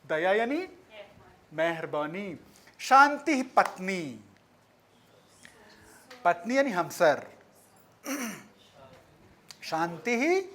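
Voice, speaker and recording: A man teaching a language class, explaining words slowly, repeating them and putting questions to the students. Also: high-pitched, a bit bright. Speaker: Sanskrit teacher.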